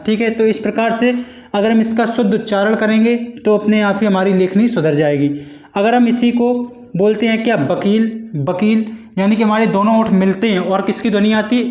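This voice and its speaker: A male teacher giving a patient exam-prep Hindi lesson, repeating each point and sounding out syllables slowly. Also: sits high, a little mellow, reverberant.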